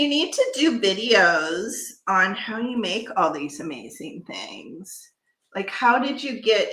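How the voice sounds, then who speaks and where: A woman chatting excitedly as she opens gifts on her craft vlog, gasping and exclaiming often. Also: fairly high pitch. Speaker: craft vlogger. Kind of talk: casual unboxing chat. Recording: echoey room.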